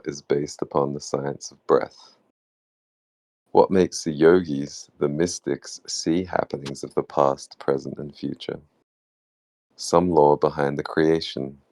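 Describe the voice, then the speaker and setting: At a book club, a male participant reads a spiritual text aloud in an extremely deep, darkish voice heavy with vocal fry. He phrases things in a measured, deliberate way, and the recording is very dry with no echo.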